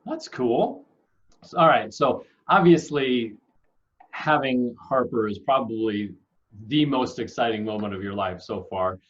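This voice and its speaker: A man's voice: mid-range voice, animated, measured pace, muffled recording. A young man hosting a casual interview for kids, friendly and upbeat with joking asides. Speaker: host, school staff member.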